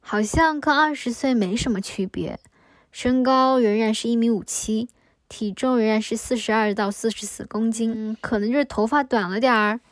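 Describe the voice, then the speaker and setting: A woman's voice: on the high side, normal speed, dry recording. A woman of twenty-four hosting her own podcast in a chatty, playful solo talk, now and then joking with put-on accents. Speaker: podcast host. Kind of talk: casual solo podcast chat.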